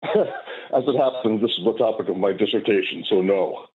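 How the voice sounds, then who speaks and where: A man's voice: lowish voice, moderate pace. An older man calling in to a talk show, hesitant and full of fillers as he explains his view. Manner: hesitant, many fillers and restarts. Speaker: caller. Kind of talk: call-in debate. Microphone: phone call. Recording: tinny phone line.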